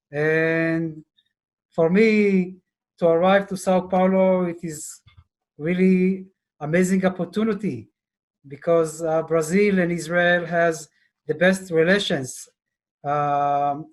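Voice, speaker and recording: Slow, halting man on a video call. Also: on the high side, darkish tone. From Ethiopia. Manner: slow, halting, many fillers. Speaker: diplomat guest. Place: office indoors. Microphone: earphone mic on video call.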